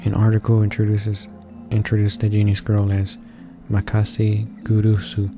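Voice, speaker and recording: A gaming channel host reads visual novel narration aloud in a casual, amateur way, stumbling over words, correcting himself and adding offhand remarks. His voice is on the low side and monotone, at a normal speed, with game music playing softly behind him.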